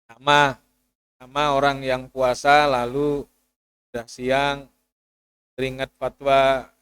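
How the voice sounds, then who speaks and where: A male Islamic preacher with a voice, giving an animated sermon lecture and acting out pleading prayers. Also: medium pitch, takes it slowly, smooth, no echo. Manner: animated, acts out pleading prayers and mixes in Javanese phrases.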